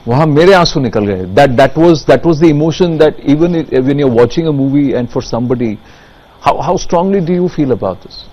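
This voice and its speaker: A man's voice: on the high side, lively intonation, rapid-fire, warm tone, low-quality recording. A man with an Indian accent interviewing conversationally, eagerly repeating and rephrasing his questions.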